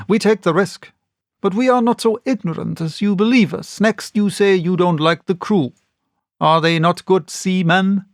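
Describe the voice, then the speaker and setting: A composed, courteous doctor, voiced by a male storyteller, reasoning firmly and asking probing questions. The voice sits slightly high and the sound is very dry. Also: normal speed, dry recording. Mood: calm, questioning. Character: composed, reasoning gentleman doctor, firm peacemaker. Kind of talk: audiobook character reading.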